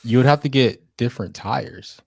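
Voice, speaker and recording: A man's voice: mid-range voice, moderate pace, creaky, breathy edge, dry recording, studio quality. A young man co-hosting a podcast, chatting casually about cars in short, easygoing replies. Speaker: podcast co-host. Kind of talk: casual car chat.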